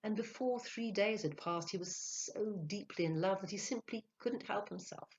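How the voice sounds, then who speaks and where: A woman narrating a literary short story aloud in an expressive, dramatic way, hushing for quiet moments. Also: mid-range voice, normal speed, lo-fi sound. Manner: expressive, dramatic, hushes for awe. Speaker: audiobook narrator.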